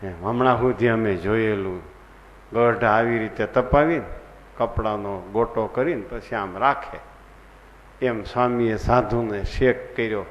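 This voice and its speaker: A man's voice: lowish voice, measured pace, highs cut off. A man preaching a devotional sermon and telling a story with earnest feeling. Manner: earnest storytelling, acting out the people in his story. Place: large assembly hall. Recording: long hall reverb, faint background noise.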